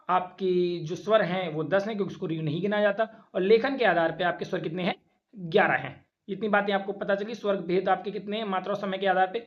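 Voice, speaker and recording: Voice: medium pitch, highs cut off. A teacher giving an exam-prep lecture, who keeps asking rhetorical questions, answers them, and stretches out vowel sounds to demonstrate them. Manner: drawn-out, repeated vowel demonstrations.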